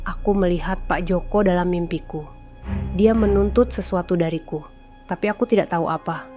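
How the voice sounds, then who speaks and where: A frightened, bewildered male farmer in a horror story, read by a woman. He recounts a nightmare in a slightly low voice over music. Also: moderate pace, mellow, lightly acted.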